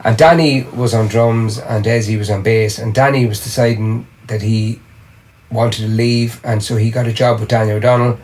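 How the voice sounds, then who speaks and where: A middle-aged Irish singer and drummer chats casually as a podcast guest, his voice on the low side at a moderate pace. He tells stories animatedly but rambles, restarting often.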